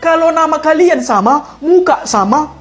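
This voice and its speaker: A woman playing a stern, easily exasperated male schoolteacher in a comedy sketch, scolding bluntly and quickly. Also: high-pitched, expressive. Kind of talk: comedy sketch role-play. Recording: faint music behind.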